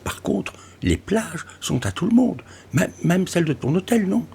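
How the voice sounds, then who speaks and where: A man voicing a shy, excitable young woman flutist who talks breathlessly and often drops to a whisper in this audiobook. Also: high-pitched, normal speed, gravelly, a little hiss or hum, voice pushed up, exaggerated voice. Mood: flustered.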